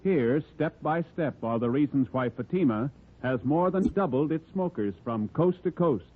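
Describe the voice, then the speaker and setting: A man working as a 1950s radio announcer, reading show and sponsor copy in a measured, declamatory way. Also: on the high side, lively intonation, slightly rough. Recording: muffled vintage radio recording.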